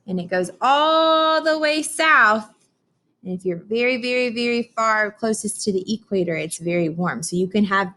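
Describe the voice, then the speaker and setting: An American woman with a medium-pitched voice reads a picture book aloud as a teacher would. She explains things simply and prompts her young listeners with questions.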